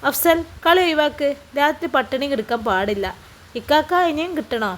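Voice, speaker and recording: A woman voicing a lively young sister who bosses and cares for her family in a read-aloud story. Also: high-pitched. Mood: bossy caring. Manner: brisk, bossy.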